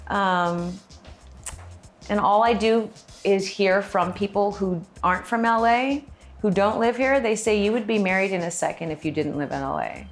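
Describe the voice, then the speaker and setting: A woman's voice: medium pitch, moderate pace, faint music behind. A woman from Los Angeles, an actress guest in an interview, talking candidly and casually with frequent restarts.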